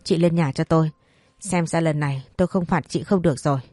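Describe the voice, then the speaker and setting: A woman voicing a harsh, domineering older mother-in-law who scolds in fast, cutting bursts. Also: low voice, warm tone, dry recording, clean studio sound, soft background music. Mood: scolding.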